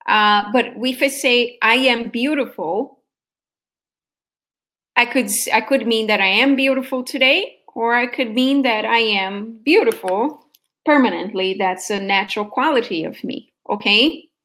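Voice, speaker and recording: A Brazilian woman, speaking with a Brazilian Portuguese accent, teaches a sample Portuguese lesson in a fairly bright, higher-pitched voice. She's patient and explains things slowly, often pausing to ask her students "okay?"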